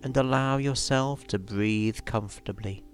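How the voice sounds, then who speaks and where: A man leading a guided relaxation in a soothing, measured way, leaving long pauses between instructions. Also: medium pitch. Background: music.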